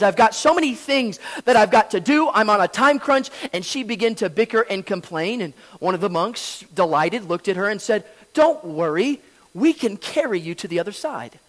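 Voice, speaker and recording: High-voiced preacher in a reverberant church. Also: male voice. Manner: storytelling preacher, swings between soft asides and loud emphasis. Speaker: pastor. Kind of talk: sermon. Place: church sanctuary.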